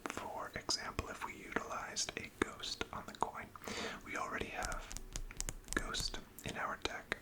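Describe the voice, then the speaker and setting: Whispered role-play: gentle, encouraging customer-service assistant, breathy whisper, unhurried pace. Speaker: ASMR performer playing a card shop assistant.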